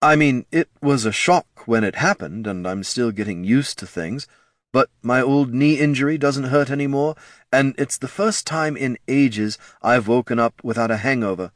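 A man's voice: mid-range voice, moderate pace, dry recording, clean studio sound, pitched above the performer's own voice, close to an everyday voice. A man voicing a plain-spoken male undead recruit who talks matter-of-factly. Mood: offhand. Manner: offhand, matter-of-fact.

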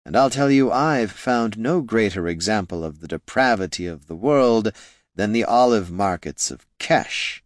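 A man voicing an undead male lich wizard, speaking slowly in a hollow, scornful, condescending way. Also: on the low side, lively intonation, dry recording, studio quality. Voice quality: hollow, slow and drawn-out. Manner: condescending, dryly mocking.

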